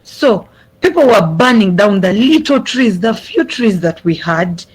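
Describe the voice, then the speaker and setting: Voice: medium pitch, expressive, unhurried, husky, rough recording. A young adult speaker gives an earnest prepared speech over a video call, repeating phrases for emphasis. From Uganda. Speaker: youth speaker. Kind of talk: prepared speech at an online summit.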